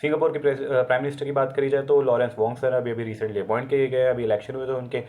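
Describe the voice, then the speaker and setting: A man's voice: medium pitch, fairly even intonation, rapid-fire, a little mellow. A man with an Indian accent and a sore throat, explaining current affairs for exam students in a casual, chatty way, mixing Hindi with English and correcting himself as he goes.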